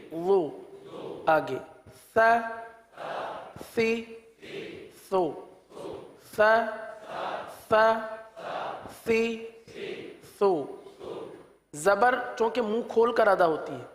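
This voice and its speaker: Patient male recitation teacher, Pakistani Urdu accent, high voice, echoey room with a long tail. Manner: patient, repeats syllables for learners to copy. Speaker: Quran reading teacher. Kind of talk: slow classroom recitation lesson.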